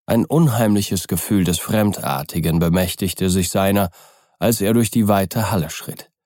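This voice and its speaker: A man narrating a classic novel as an audiobook, calm and even. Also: low-pitched, unhurried, dry recording, studio quality. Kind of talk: scripted literary narration.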